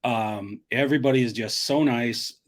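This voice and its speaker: Middle-aged man, guest on a chat show, even mid pitch, loose and rambling. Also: moderate pace. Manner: rambling, friendly, restarts often. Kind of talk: casual chat.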